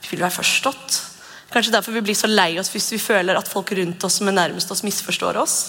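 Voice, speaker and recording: A woman in her thirties giving a casual, expressive devotional talk as a podcast host. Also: medium pitch, husky, long reverb tail. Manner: chatty and expressive, acts out quoted voices.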